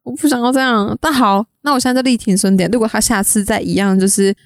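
A woman's voice: on the high side, steady tone, quick pace, dry recording, studio quality. A young woman, a podcast guest chatting casually in a rambling, hesitant way. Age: young adult. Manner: rambling, hesitant, many restarts. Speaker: guest graphic artist.

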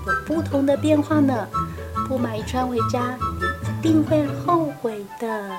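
A woman voicing a secretive shop clerk who speaks quietly and quickly. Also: high voice, over loud music, close to an everyday voice.

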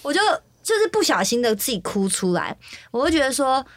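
A woman's voice: high-pitched, brisk, no echo. A Taiwanese woman hosting a podcast, telling a travel story in casual chat with a Taiwanese Mandarin accent and acting out the dialogue. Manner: animated storyteller who acts out quoted dialogue. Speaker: podcast host. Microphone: studio microphone.

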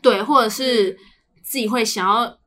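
A woman's voice: on the high side, a little slow, pushed and bright. A young woman with a Taiwanese Mandarin accent, chatting casually as a podcast co-host and telling chatty stories with acted-out dialogue. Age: young adult. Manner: chatty storyteller who acts out dialogue. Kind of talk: casual chat.

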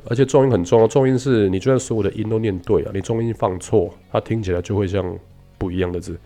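A man with a low, gravelly voice teaches English pronunciation. He explains patiently and stretches out example words to demonstrate them. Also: fast, warm tone. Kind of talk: radio-style English lesson.

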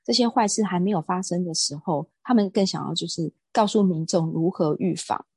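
A woman, a guest on an interview show, telling stories in an outspoken, animated way. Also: lowish voice, fairly quick, husky, dry recording. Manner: outspoken, self-described fiery temper; animated storytelling. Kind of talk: casual interview talk.

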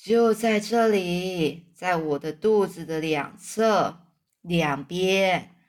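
A woman voicing a kind old male grasshopper who plays the violin, speaking gently and slowly, as in a children's storybook. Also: on the low side. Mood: gentle. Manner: gentle, slow and patient explaining.

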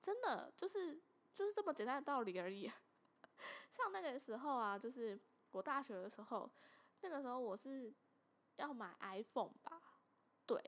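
Lively Taiwanese woman podcast host. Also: high voice, normal speed, long pauses. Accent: Taiwanese Mandarin. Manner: animated storytelling, laughs often. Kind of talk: casual podcast monologue.

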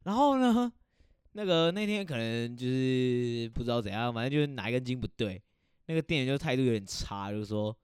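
Young man, podcast co-host, quirky jumpy intonation, smooth resonant voice, dry close mic. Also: mid-range voice, lively intonation, a little fast, no echo. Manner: odd, quirky intonation when nervous. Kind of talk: casual chat.

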